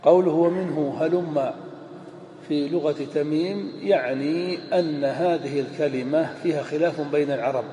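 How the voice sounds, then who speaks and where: Male grammar teacher, mellow higher voice, explains step by step, echoey hall recording. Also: moderate pace. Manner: explains step by step, asks questions and answers them himself. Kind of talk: classroom grammar lesson. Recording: echoey hall, faint room noise.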